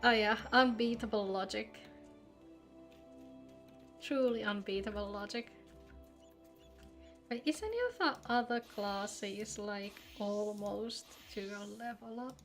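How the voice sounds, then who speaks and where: With a mid-range, fairly bright voice and fairly even intonation, this woman streamer talks slowly with long pauses, casual and joking as she plays. Music runs in the background.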